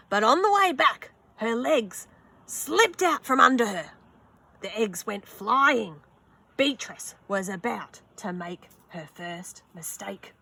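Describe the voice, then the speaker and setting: A young woman reading a children's picture book aloud outdoors, slow and expressive, with gasps and little asides. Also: medium pitch. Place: outdoors on a sunny wooden deck.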